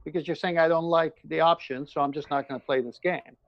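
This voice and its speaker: On a muffled recording without echo, a man with a fairly high voice and steady tone talks fast and at length in casual conversation. Born in Iran and moved to the United States at seven, he gives earnest, emphatic personal testimony and opinion, repeating his phrases a lot.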